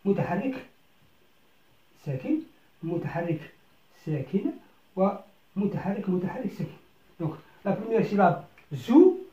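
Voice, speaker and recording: A French teacher giving a beginner lesson, switching between French and Arabic, speaking slowly and breaking each word into syllables and repeating them. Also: medium pitch, dark tone. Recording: roomy, slightly dull recording.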